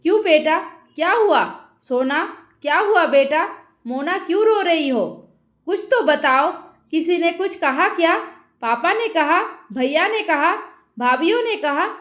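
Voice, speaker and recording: A woman voicing an angry middle-aged mother who shouts and scolds her son, in a roomy echo. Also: very high voice, expressive, measured pace. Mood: furious.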